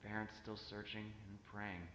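A man's voice: fairly low pitch, monotone, normal speed, fairly bright tone, roomy sound, rough recording. A man narrating a first-person found-footage exploration, wary and muttering to himself as he goes.

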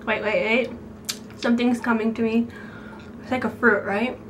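High-voiced young woman, teasing, distant mic. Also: fairly even intonation, moderate pace. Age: 20s. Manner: teasing, competitive. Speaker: challenge vlogger. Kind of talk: casual playful chat. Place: small room indoors. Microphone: camera a few feet away. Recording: roomy distant camera mic, faint background noise.

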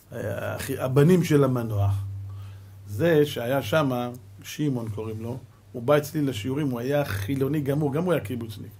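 A middle-aged man, giving a Torah lesson as a rabbi and telling stories dramatically, swinging from loud exclamations to quiet asides. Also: mid-range voice, breathy edge. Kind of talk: animated Torah lesson with storytelling.

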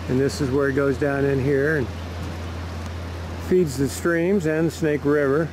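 Chatty joking guy filming his walk outside, bit high voice, noisy camera audio. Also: fairly even intonation, a little slow. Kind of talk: casual walking vlog narration. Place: outdoors by a river park.

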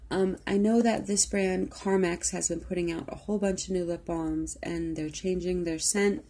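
A woman's voice: fairly low pitch, steady tone, moderate pace, warm tone, slight background noise. A woman vlogger chatting casually through a product haul, rambling with lots of "um" and "like". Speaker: beauty vlogger.

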